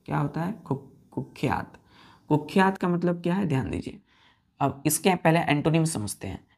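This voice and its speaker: A woman's voice: deep voice, sing-song, moderate pace, gravelly, darkish tone. A woman with an Indian accent teaching English vocabulary, spelling each word letter by letter and repeating questions to her students. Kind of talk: classroom vocabulary lesson.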